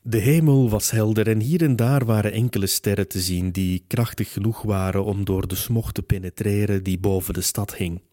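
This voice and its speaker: A man narrating a first-person story as an audiobook in a measured storytelling manner. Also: on the low side, steady tone, dark tone, dry recording, studio quality.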